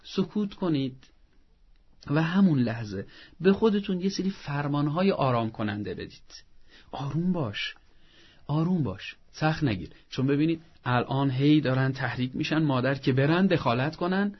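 A man's voice: on the high side, animated, breathy edge, muffled recording. A man speaking as a parenting expert, giving earnest advice and acting out parents' scolding. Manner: didactic, earnest, acts out parents' scolding in a raised voice. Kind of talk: advice talk on a show.

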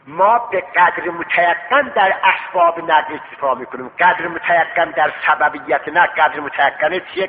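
A fairly high-pitched man delivers a seminary lecture on Islamic law. He asks rhetorical questions and answers them himself, drawing out key terms to stress them. The sound is thin and phone-like, with a long hall echo. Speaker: seminary teacher. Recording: tinny lo-fi recording with long hall reverb.

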